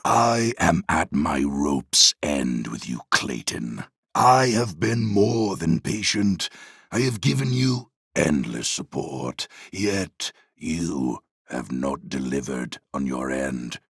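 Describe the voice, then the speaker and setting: An actor playing a menacing, megalomaniacal general in a video game, with a gravelly voice and a grandiose, sneering, deliberate delivery. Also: male voice, extremely low pitch, expressive, a bit bright, heavily acted. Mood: sneering threat. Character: menacing male general, megalomaniacal cold villain. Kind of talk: theatrical video game villain acting.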